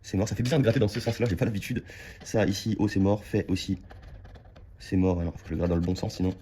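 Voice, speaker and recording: A man with a low, mellow voice talks his viewers through a scratch-card session in casual running commentary. He chats to them like friends and repeats each word as he checks it. A faint hiss of background noise sits under the close mic. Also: steady tone, fast talker. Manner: chatty, addresses viewers as friends, repeats words while checking.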